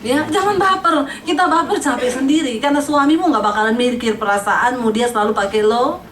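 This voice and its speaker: A woman's voice: high-pitched, brisk, noisy background. A woman pastor giving a humorous sermon, chatting with the congregation and acting out the people in her stories, laughing often. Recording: echoey hall, heard from a distance.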